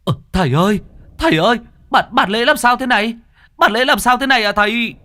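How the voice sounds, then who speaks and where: A man's voice: very high-pitched, fairly quick, bright, forceful tone, pitched above the performer's own voice. A man voicing a panicked villager who cries out in alarm.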